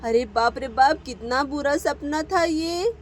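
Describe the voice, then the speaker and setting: A woman voicing a frightened aunt in a doll cartoon, begging and panicky, with a high voice. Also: measured pace, slight background noise. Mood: relieved. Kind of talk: Hindi doll-story voice acting.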